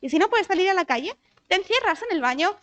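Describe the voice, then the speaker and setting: A woman's voice: very high-pitched, fast talker. A woman from Spain, a psychologist, giving a conversational talk in a church, often asking the audience questions. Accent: Spanish from Spain. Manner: lively, asks the audience questions, frequent tag questions. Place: church hall.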